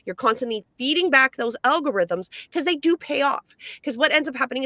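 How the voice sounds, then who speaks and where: A woman's voice: fairly high pitch, sharp tone, no echo. A Canadian woman co-hosting a live online show, explaining things in long upbeat run-on stretches. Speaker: co-host. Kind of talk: casual livestream chat.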